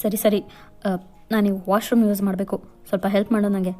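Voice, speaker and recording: A woman's voice: medium pitch, flat delivery, fairly quick, a little mellow, soft background music, close to an everyday voice. A woman voicing a young man who is hurt and irritable, snapping orders and scolding in a fan-fiction voice-over. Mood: gruff, bossy. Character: gruff injured young man, bossy and irritable.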